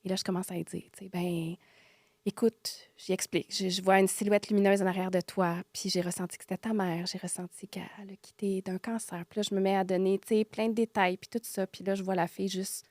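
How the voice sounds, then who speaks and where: A woman with a Quebec French accent, a guest on a podcast, telling her own experiences in animated casual talk and acting out what she thought and said. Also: medium pitch, fairly quick, dry recording, clean studio sound. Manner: animated, acts out her own quoted thoughts, drops to near-whispers. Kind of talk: casual storytelling interview.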